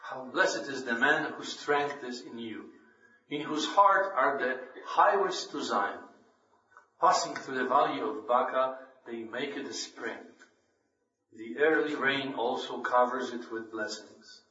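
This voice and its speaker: A man's voice: medium pitch, pushed and bright. A man from Poland, a lay preacher giving an earnest, emphatic scripture reading and devotional talk at a church meeting. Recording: roomy, distant, dull church recording.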